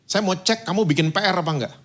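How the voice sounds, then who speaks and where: A man's voice: sits high, fast talker. A man in his fifties, a pastor preaching a sermon. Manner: lively storytelling, mixes in English phrases. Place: church stage.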